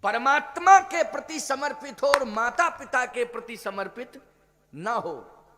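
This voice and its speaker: A man giving a devotional sermon, declaiming forcefully and then dropping to low asides, now and then chanting a scripture verse slowly. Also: lively intonation, long reverb tail, a little hiss or hum. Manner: emphatic, swings from loud declaiming to low asides. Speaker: preacher of a Ram Katha discourse.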